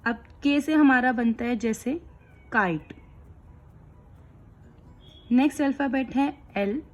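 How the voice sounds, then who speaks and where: A woman teaching young children letter sounds, explaining each one slowly and clearly. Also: on the high side. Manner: slow, clear, patient explaining. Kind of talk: kids' phonics lesson.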